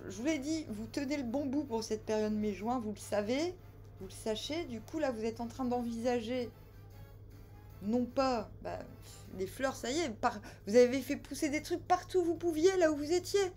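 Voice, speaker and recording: A woman giving a casual tarot reading who talks straight to her viewers, joking, teasing and scolding them, with sudden loud bursts and quiet asides. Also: a little high, animated, normal speed, soft background music. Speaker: tarot reader.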